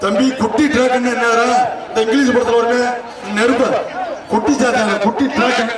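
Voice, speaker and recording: A man with a Tamil Nadu accent giving excited live event commentary over a loudspeaker, shouting repeated calls and urgings as announcer. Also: extremely high pitch, moderate pace. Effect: amplified through loudspeaker PA. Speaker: live event announcer at a bull-taming contest. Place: outdoor arena with loud crowd behind. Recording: echoing outdoor PA, distant, loud crowd.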